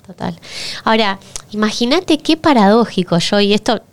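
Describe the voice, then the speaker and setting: A woman's voice: mid-range voice, expressive, normal speed. A woman with a Rioplatense Spanish accent, co-hosting a podcast, frank and reflective. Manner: frank, reflective, chiming in with agreement. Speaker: podcast co-host. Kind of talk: casual podcast chat.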